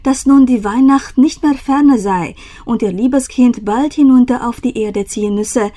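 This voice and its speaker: A woman reading an old German fairy tale aloud in a calm, measured storytelling manner. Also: a little high.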